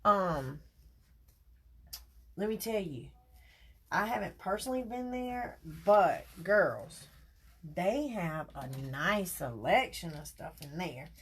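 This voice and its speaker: A woman's voice: fairly low pitch, lively intonation, slow, pauses often, husky. A woman, chatting casually with her viewers as she hosts a crafting livestream. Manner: chatty, talks to viewers directly and folksy. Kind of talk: casual live chat while crafting.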